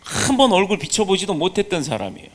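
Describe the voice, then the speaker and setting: Male pastor, sermon, high voice, emphatic, poses rhetorical questions. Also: big pitch swings, quick pace.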